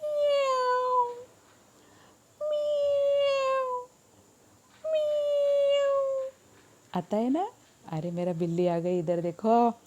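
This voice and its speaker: A woman's voice: low voice, dark tone. A woman teacher, reading a story to children and explaining each line. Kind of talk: bilingual story lesson for children.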